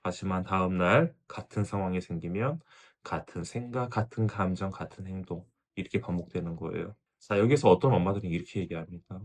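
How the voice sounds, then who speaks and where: A man's voice: deep voice, fairly quick. A man giving a parenting lecture, speaking straight to viewers with "자, 여러분" and acting out a mother's thoughts as quotes. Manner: addresses viewers directly, often starting with "자, 여러분". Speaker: parenting educator.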